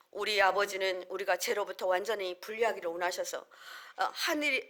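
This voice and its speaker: A middle-aged woman pastor giving an earnest, conversational sermon. She uses homely family examples and acts out short quoted lines with sudden jumps in pitch and loudness.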